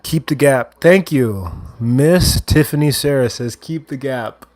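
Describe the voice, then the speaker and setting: A man hosts a relaxed livestream from a kitchen while he cooks. His voice sits in a middle register, and he talks in an easygoing way as he reads viewer comments aloud and answers them one by one. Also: medium pitch, unhurried, dry recording. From Wheaton, Illinois, USA. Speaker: livestream host. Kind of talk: casual livestream chat while cooking. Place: kitchen, indoors.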